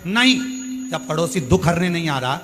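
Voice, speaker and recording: A man's voice: a little high, expressive, moderate pace, a bit bright. A man with a Madhya Pradesh Hindi accent preaching a live devotional sermon, hammering home points with repeated rhetorical questions. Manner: emphatic, repetitive rhetorical questions to the audience. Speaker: katha preacher. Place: large outdoor katha pandal. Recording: long hall reverb with faint music.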